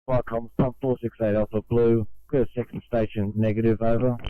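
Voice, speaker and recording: A man, a fire crew officer, giving a halting emergency report over a walkie talkie radio, with fillers between his clipped phrases. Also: medium pitch, little pitch movement, dry recording. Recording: tinny narrowband radio channel.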